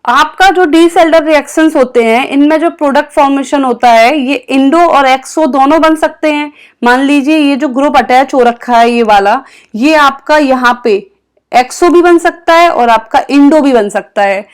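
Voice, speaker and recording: A woman's voice: high voice, normal speed. A woman teaching a chemistry lecture over slides, explaining step by step and answering her own questions.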